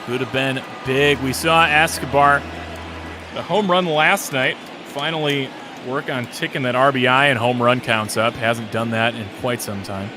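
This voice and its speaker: A man breaks down the game as the color commentator, keen and easygoing. His pitch is middling, and noise hums steadily in the background. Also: fairly even intonation, unhurried. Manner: easygoing, enthusiastic analysis. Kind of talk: casual sports commentary.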